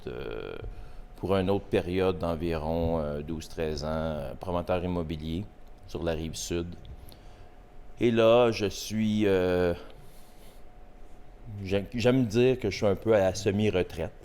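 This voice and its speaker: A man in his forties with a Québécois accent, a podcast guest speaking in a hesitant, halting way with many fillers. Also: low voice, dark tone, clean tone. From Quebec. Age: 40s. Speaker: podcast guest, host's father. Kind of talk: casual interview.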